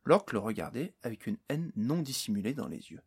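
A man narrating a fantasy novel aloud, expressive, doing many character voices. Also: mid-range voice, brisk, husky. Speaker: audiobook narrator. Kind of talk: storybook reading.

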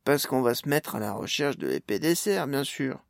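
A cheeky, easygoing gnome, as a man reads him, slangy and unbothered, a touch higher than the narration. The voice has a gravelly grain and sits close and dry. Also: expressive, moderate pace, dry recording. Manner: casual, cheeky.

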